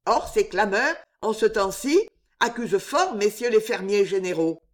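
A woman voicing a small, scheming nobleman in a storybook reading, mocking and menacing, with a low growl. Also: expressive, normal speed, close to an everyday voice. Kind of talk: audiobook character reading.

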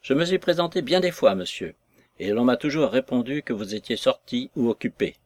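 A man's voice: medium pitch, expressive, brisk, darkish tone, dry recording, lightly acted. A male reader voicing a proud, vengeful female maid who speaks with sarcasm and contempt. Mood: scornful fury.

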